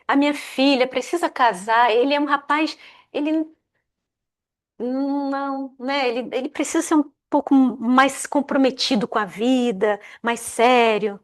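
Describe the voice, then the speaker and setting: A woman's voice: high-pitched, measured pace. A woman voicing a worried mother who frets over her daughter's suitor, speaking in a fretful, pleading way.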